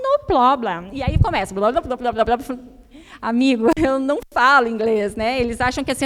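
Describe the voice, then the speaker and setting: A woman with a Brazilian Portuguese accent gives a church talk built on personal stories, telling them in a lively way and playfully mimicking sounds. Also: high voice. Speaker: guest speaker at a church service. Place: church hall. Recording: reverberant church hall.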